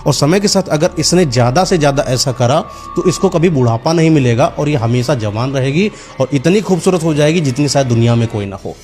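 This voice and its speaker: A man's voice: a little high, expressive, a little fast, hardly any pauses, a little mellow, soft background music. A man narrating a horror story in a loose, conversational way, with frequent fillers.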